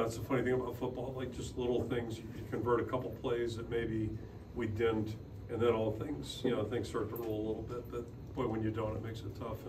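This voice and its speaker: At a podium mic in a press room before a logo backdrop, an older head coach gives postgame press conference answers at a postconference podium. He's plain-spoken, restarts often and keeps his pitch flat and even. The sound is echoey, slightly distant and noisy, with the mic a little off and steady noise behind.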